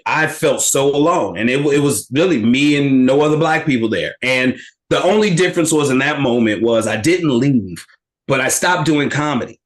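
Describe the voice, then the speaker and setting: A comedian earnestly retelling a frightening gig on a casual podcast. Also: male voice, medium pitch. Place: podcast studio.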